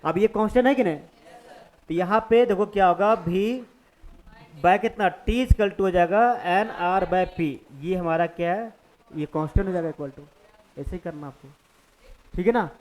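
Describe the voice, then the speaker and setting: High-voiced Hindi physics teacher lecturing. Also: male voice, normal speed, poor audio. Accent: Hindi-speaking eastern India. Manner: conversational, keeps checking understanding with the class. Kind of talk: classroom lecture.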